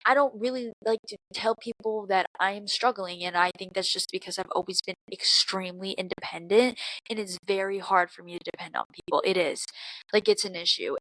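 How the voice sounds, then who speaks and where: A woman's voice: medium pitch, a bit bright, no echo, poor audio. Twenty-something girl ranting on her podcast, kinda stuffy from crying, lots of cursing and likes, super dry close mic. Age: 20s. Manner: candid and profane, frequent fillers and slang. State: congested from crying. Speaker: podcast host. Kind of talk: casual confessional monologue.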